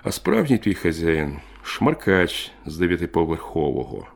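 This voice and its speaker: A man voicing a bitter, hard-drinking miner of thirty who talks gruffly and heatedly. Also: sits low, big pitch swings, moderate pace, exaggerated voice. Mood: wistful. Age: 30s.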